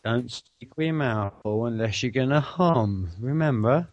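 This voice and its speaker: A man's voice: mid-range voice, animated, unhurried, highs cut off. A man hosting a live video chat at his computer, rambling and swearing in casual banter.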